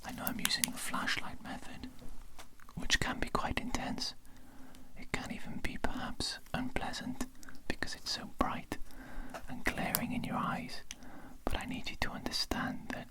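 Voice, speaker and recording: A performer in a whispered role-play, voicing a patient, quietly menacing interrogator at a secret facility in a soft, breathy, deliberate whisper. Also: close to an everyday voice, rough recording. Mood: quietly threatening.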